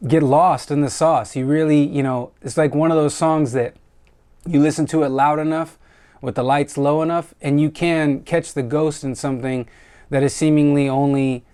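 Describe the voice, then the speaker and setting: A man's voice: medium pitch, a little mellow, smooth. An American man giving a casual, reflective review of a dance track, talking loosely with frequent fillers and the odd swear word. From United States. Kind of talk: casual music review monologue.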